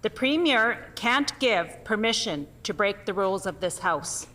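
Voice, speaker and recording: A woman opposition legislator putting pointed, deliberate, formal questions in parliament. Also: medium pitch, animated, sharp tone. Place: large legislative chamber. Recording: reverberant chamber, faint noise.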